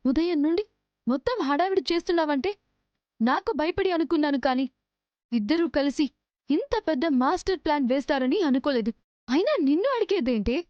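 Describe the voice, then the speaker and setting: A woman's voice: high voice, lively intonation, a little fast, dry recording, highs cut off. A jealous, threatening young woman. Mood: accusing. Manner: accusing, taunting, threatening. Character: jealous, scheming young woman hunting her fiance. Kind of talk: TV serial drama.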